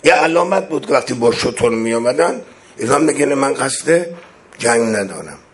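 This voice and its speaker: A male preacher delivering a sermon in a solemn, unhurried storyteller's voice. He keeps much of it soft and low, with an ordinary, mid-range male pitch. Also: expressive.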